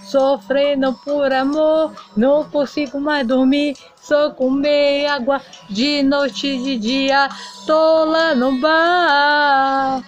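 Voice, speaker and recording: A woman's voice: sits high, level tone, very slow, dull audio, soft background music. A woman voicing a heartbroken male doll singer in a toy play video, melodramatic and sing-song. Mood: lovesick lament.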